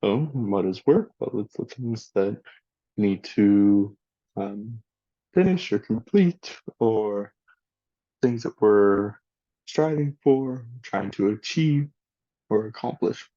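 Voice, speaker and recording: A man teaching a recorded lesson in an unhurried, deliberate way, pausing to read out example sentences. His voice is mellow and a little husky. The sound is dry and lo-fi. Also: lowish voice, lively intonation, no room sound. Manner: slow, deliberate teacher talk with spoken examples for the listener to repeat. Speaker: student presenter teaching a language lesson. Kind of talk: recorded classroom presentation.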